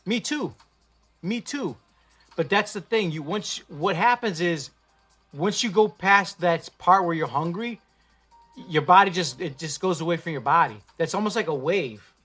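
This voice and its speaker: A man hosting a casual livestream, talking in a profane, slangy and animated way into a phone. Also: sits high, measured pace, slightly rough, faint music behind. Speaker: livestream host.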